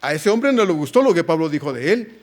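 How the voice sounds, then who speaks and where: Animated pastor preaching a sermon. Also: male voice, on the high side, fairly quick. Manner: animated preaching, acting out biblical quotes.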